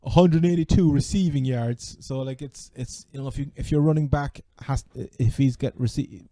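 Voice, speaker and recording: A man with a Cork Irish accent chatting casually as a sports podcast host, halting and repeating words as he goes. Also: medium pitch, dark tone, no echo. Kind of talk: casual fantasy American football chat.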